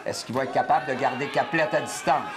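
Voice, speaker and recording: A man's voice: mid-range voice, quick pace, over music. A man with a Quebec French accent giving live boxing analysis, explaining tactics in short bursts. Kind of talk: live sports commentary. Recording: clear crowd noise behind. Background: boxing crowd.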